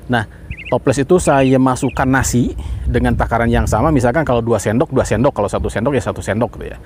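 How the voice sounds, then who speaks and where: A man, a parent, talking casually to viewers about an experiment he ran at home, lively and rising in pitch as he gets excited, briefly acting out the words he spoke. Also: a little hiss or hum. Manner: acts out quoted voices mid-talk.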